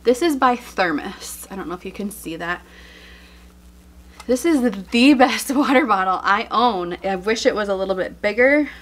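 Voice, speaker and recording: A young woman talks casually to her viewers, a little out of breath, her voice at a middle pitch. She chats along with many "um"s and light laughs as she shows things one by one. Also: animated, normal speed, a bit bright. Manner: chatty, many fillers and laughs. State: slightly out of breath. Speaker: vlogger. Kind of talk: casual chat showing items.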